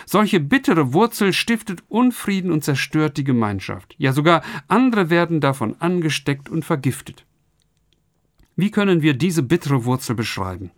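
Male radio preacher, earnest and direct, voice pitched a little high, dry studio sound. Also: sing-song, normal speed, no echo. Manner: earnest, addresses listeners directly. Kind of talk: radio sermon.

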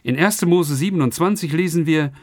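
Male radio preacher, earnest and direct, voice pitched a little high, dry studio sound. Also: fairly quick, darkish tone, no echo. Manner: earnest, addresses listeners directly. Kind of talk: radio sermon.

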